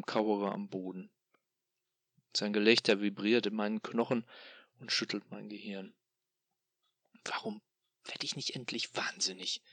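A man giving a dramatic first-person audiobook narration in a hushed, despairing, intense way. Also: lowish voice, no room sound.

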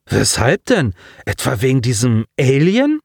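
A man's voice: medium pitch, huge pitch swings, measured pace, vocal fry, breathy edge, dry recording, clean studio sound, exaggerated voice. A male narrator voicing a bewildered young cadet in a sci-fi audiobook, defensive and pleading.

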